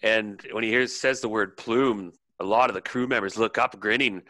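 Man running a tabletop game, bright forceful voice, dry close sound, casual narration. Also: fairly low pitch, fairly even intonation, moderate pace, dry recording. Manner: loose, chatty narration with fillers. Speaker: game master.

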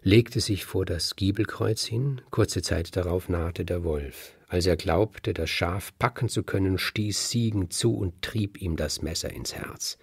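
A man telling a fairy tale aloud in a deliberate way, now and then asking his listeners a question. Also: low-pitched, creaky, breathy edge, dry recording, clean studio sound. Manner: slow, deliberate, addresses listeners directly. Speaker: storyteller.

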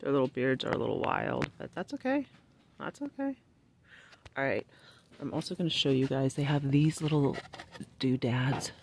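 A woman's voice: very deep voice, sing-song, normal speed, gravelly, pauses often, a little hiss or hum. A woman, chatting casually through a store as she shows off cute finds on a handheld phone. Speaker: shopping vlogger. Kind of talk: casual shop-with-me commentary. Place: retail store aisle. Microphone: handheld phone camera.

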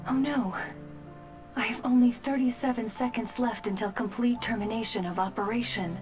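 An actress voicing a gentle, formal robot companion whose battery is running out and who is shutting down, in a video game. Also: female voice, a little high, steady tone, normal speed, over music, close to an everyday voice. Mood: tender farewell. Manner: formal, courteous machine speech. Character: dying female robot companion, polite, gentle.

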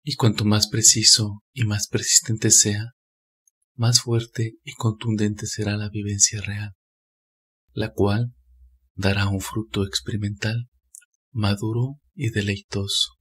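A man calmly reading a scripted spiritual narration in a measured, steady way. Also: lowish voice, breathy edge.

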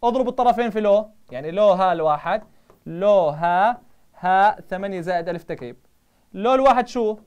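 A man with a Jordanian Arabic accent teaching a live online math review, firing quick questions at his students. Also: high voice, lively intonation, darkish tone, clear, resonant tone, muffled recording.

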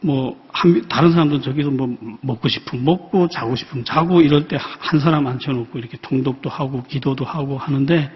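A man from North Korea, a missionary preacher, giving a personal testimony sermon in a large church, reflective and halting, with many pauses and fillers. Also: mid-range voice. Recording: dull, reverberant church hall sound.

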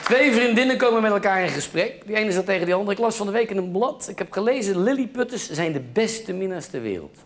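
A man telling a joke with a brisk, animated delivery. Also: high-pitched, a crowd in the background, background noise. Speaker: joke teller.

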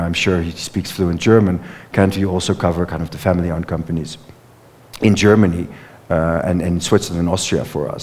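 A low-sitting, slightly mellow male voice belongs to a Dutch author and former reporter in his thirties. Speaking into a headset mic on a lecture hall stage, he answers questions fluently but with many fillers and restarts, and the hall gives the recording a long reverb.

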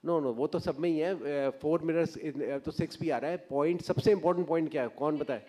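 A middle-aged North Indian ophthalmology lecturer talks fast in a mellow, fairly high-pitched voice, mixing Hindi and English in an interactive lecture. He's informal and keeps prodding the audience with questions. He stands on stage in a large auditorium, speaking into a podium or table gooseneck microphone.

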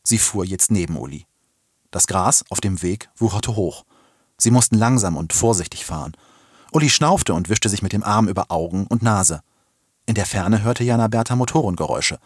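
A low, husky male voice reads a novel aloud, recorded close and dry. His delivery is dramatic and expressive, with wide swings in pitch. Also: normal speed, no room sound. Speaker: podcast host reading a novel excerpt. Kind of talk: expressive reading of a children's novel.

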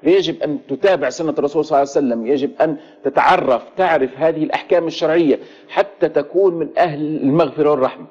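A man's voice: on the high side, very fast, a little mellow, husky. A man with a Libyan Arabic accent giving a religious lesson as a preacher, in conversational preaching style with rhetorical questions. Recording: dull lo-fi recording.

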